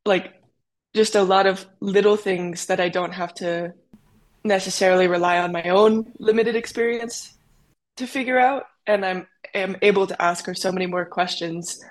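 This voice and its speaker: A young adult woman who races cyclocross answers interview questions chattily, full of fillers and quoted asides. She speaks in a lowish voice at a measured pace with fairly even intonation.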